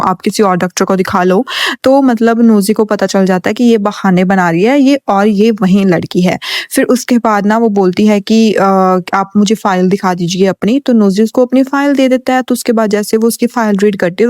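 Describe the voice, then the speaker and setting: A woman's voice: medium pitch, a little mellow, no room sound. Chatty woman recapping a drama, dry close sound. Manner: chatty, retells the plot with quoted dialogue and many fillers. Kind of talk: casual storytelling recap.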